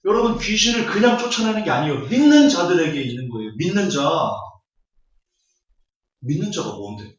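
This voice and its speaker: A man's voice: high-pitched, very animated, a little fast. A man preaching a Bible lecture, scornful and full of rhetorical questions. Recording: echoey hall, distant, dull audio.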